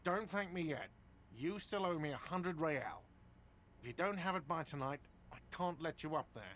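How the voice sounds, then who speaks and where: An actor playing a curt, sarcastic hostel manager in a video game. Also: male voice, on the high side, normal speed, a bit bright, slight background noise, lightly acted. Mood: grumpy. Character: grumpy, sarcastic middle-aged male hostel manager.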